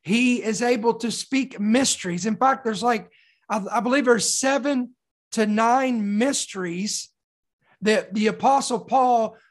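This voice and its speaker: A preacher delivers an expository sermon, reading scripture and deliberately stressing key words. His mid-range voice is slightly raspy and mildly hoarse because of a sore throat.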